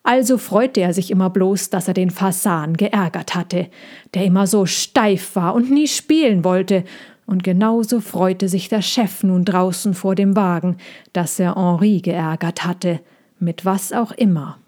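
A woman narrating a children's storybook in a gentle, even way. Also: lowish voice, measured pace. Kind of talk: storybook reading.

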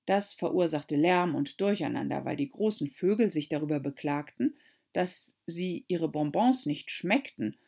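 A woman's voice: on the low side, darkish tone, breathy edge. A woman narrating a children's storybook as an audiobook reader. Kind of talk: audiobook reading.

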